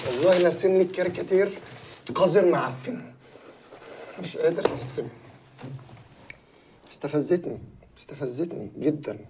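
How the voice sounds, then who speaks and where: An actor playing a pompous, bossy company owner, blustering and teasing in an Egyptian accent. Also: male voice, high-pitched, background noise, close to an everyday voice. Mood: grumbling. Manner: blustering, self-important, teasing. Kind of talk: comic film acting. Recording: film audio with room echo and music.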